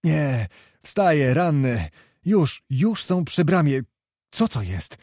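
A man voicing a small, fiery male knight who calls out battle news in an excited, breathless way. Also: fairly high pitch, takes it slowly, dry recording, clean studio sound, exaggerated voice.

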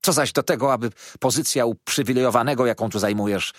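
A man's voice: mid-range voice, fast talker, dry recording, studio quality, pitched above the performer's own voice, natural voice. A man voicing a meek male schoolteacher who has lost his patience, speaking in a raised, strained, pleading voice. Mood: exasperated.

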